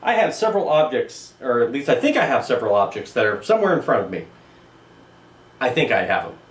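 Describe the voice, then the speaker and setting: Talking fast in a mid-range voice, an art teacher enthusiastically explains his video lesson with plenty of animation. The setting is an indoor room with a table and a sandstone wall, captured roomily by a distant mic.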